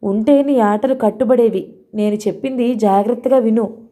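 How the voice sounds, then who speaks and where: A woman voicing a fond, sharp-tongued middle-aged mother in a read-aloud novel. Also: fairly high pitch, moderate pace, close to an everyday voice. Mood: fussing.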